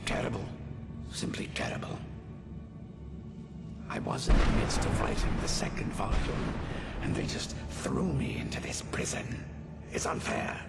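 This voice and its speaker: An actor voicing a pompous, aggrieved scholar's ghost in a video game, speaking in a theatrical, self-important way. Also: male voice, on the low side, huge pitch swings, unhurried, vocal fry, heavily acted. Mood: bitter. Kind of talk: video game character dialogue. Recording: game music behind.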